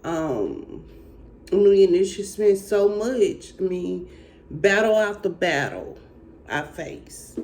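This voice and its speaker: A speaker from Alabama with a country Southern accent, talking slowly and haltingly in a personal faith testimony and encouragement vlog. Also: medium pitch, very animated, a little mellow. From Alabama, United States. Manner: slow, halting country drawl. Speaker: faith vlogger.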